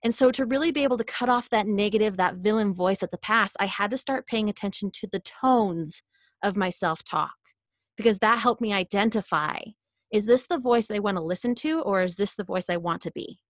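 A woman's voice: medium pitch, a little fast, no echo, studio quality. Earnest woman giving self-help tips. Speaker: podcast guest. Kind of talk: casual podcast talk.

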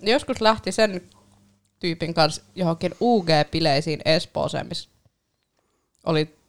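Chatty, relaxed storyteller. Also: medium pitch. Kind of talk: casual anecdote telling.

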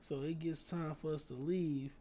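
A man with a slightly high voice, telling laid-back stories in a casual chat. He talks in heavy slang and swears freely. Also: fairly even intonation, moderate pace, dark tone, a little hiss or hum. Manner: laid-back storyteller, laughs through his punchlines. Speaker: podcast co-host.

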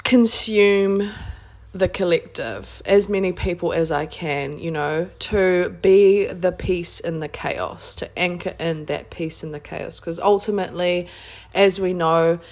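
Kiwi woman doing a chatty podcast, takes her time, lowish voice, really earnest. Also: measured pace, darkish tone. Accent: New Zealand. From New Zealand. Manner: earnest, emphatic, informal with some swearing. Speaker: podcast host. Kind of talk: casual solo spiritual self-help podcast talk.

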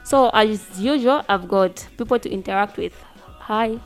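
A woman's voice: mid-range voice, measured pace, faint music behind. A woman hosting an interview, asking short, direct questions. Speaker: interviewer, host.

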